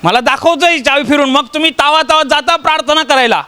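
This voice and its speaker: High, bright-voiced man preaching a sermon. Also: a little fast. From Maharashtra, India. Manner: storytelling with rhetorical questions to the congregation.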